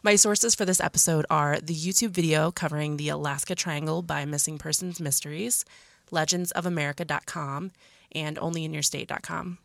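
Low, creaky-voiced woman podcaster. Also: a bit bright, no room sound. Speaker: podcast host. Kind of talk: casual podcast chat and storytelling. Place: small dry podcast studio.

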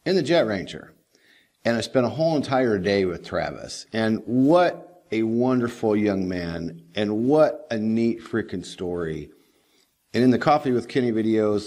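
Folksy rambling man, lowish voice. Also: darkish tone. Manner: folksy and rambling, with frequent "you know". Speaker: host of a daily helicopter training video series. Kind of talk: casual talking-head monologue.

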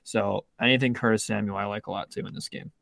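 A man's voice: lowish voice, steady tone, fast talker, gravelly, a bit bright, dry recording, clean studio sound. A young man co-hosting a casual sports betting podcast, talking in rambling bursts with many restarts and the odd swear word. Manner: rambling, self-interrupting, frequent restarts and swearing. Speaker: podcast co-host.

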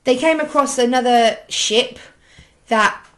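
A woman's voice: on the high side, slow pace. A woman co-hosting a casual history podcast, talking hesitantly with many ums and restarts. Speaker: podcast co-host.

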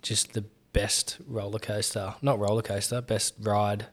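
A man's voice: fairly low pitch, level tone, measured pace. A young man co-hosting a podcast, chatting in an easygoing, slangy way and restarting his words often. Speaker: podcast co-host. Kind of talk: casual podcast chat.

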